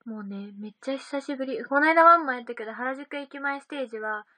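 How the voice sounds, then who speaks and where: A woman's voice: high voice, quick pace, bright, forceful tone, dry recording. A young woman chatting casually on a livestream, reading out viewer comments and giggling often. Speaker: idol livestream host.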